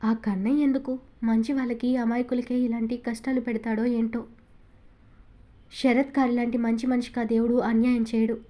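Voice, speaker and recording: Storybook heroine: a woman voicing a possessive, emotional young woman, heartfelt delivery, mellow tone. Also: fairly high pitch, little pitch movement, moderate pace, close to an everyday voice.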